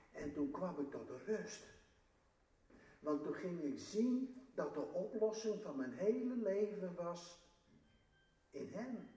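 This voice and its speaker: A man's voice: high-pitched, warm tone. A man preaching a sermon in an earnest way, building up to emphatic declarations. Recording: echoey room, mic at a distance.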